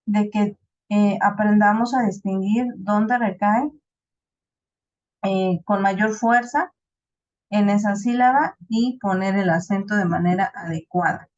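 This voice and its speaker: A woman with a Mexican accent teaches a class, explaining step by step and pausing often to check that her students follow. Her voice sits at an ordinary middle pitch. The recording is dull and slightly lo-fi. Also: darkish tone. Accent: Mexican Spanish. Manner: explains slowly with many "¿no?" checks and restarts. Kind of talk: online class lecture.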